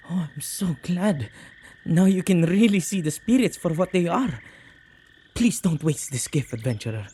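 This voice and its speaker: In this chatty ASMR roleplay, a man is a witch who keeps ghosts around, excitable and caring, his husky, gravelly voice close to the listener. His voice runs a little high over slight background noise, sounding thrilled and relieved.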